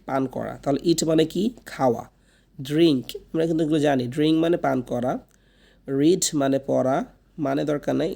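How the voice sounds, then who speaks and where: A man whose first language is Bengali teaches a spoken English lesson, slowly drawing out each model sentence between quick explanations. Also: mid-range voice, gravelly, dark tone.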